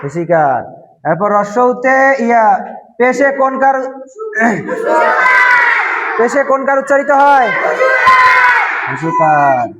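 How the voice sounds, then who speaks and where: A male Quran teacher, shouting questions and drilling a class of children, scolding them sternly. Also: very high voice, very animated, slow, long pauses, a loud crowd. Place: crowded classroom indoors. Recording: muffled lo-fi, loud children and noise.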